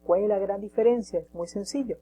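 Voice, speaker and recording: Male teacher, mellow tone, patient step-by-step explainer who keeps asking if you follow, faint hum behind. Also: sits high, fairly quick. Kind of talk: casual spoken lesson.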